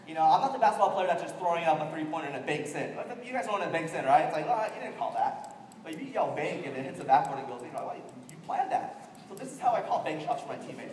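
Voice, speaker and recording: A man giving an animated motivational training talk to a room, acting out the people he quotes. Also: high voice, slight background noise. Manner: animated, quick-talking, acts out quoted people. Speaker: network marketing trainer. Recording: echoey hall from far off.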